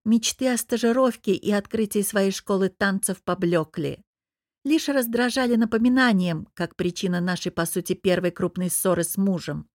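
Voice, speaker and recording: A woman reading a first-person audiobook in an even, measured storytelling voice. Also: mid-range voice, no room sound, studio quality. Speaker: audiobook narrator.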